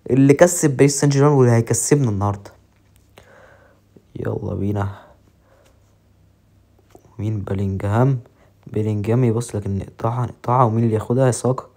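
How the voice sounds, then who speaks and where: A man with an Egyptian accent commentating his own football game match with excited, joking play-by-play. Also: medium pitch, quick pace, long pauses. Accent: Egyptian Arabic. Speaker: mobile football gamer.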